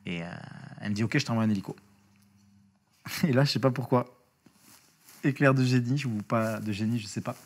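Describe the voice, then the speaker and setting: A man speaking as an interview guest, telling a story in a casual, lively way, with slang, swearing and many restarts. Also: medium pitch, a little fast, pauses often.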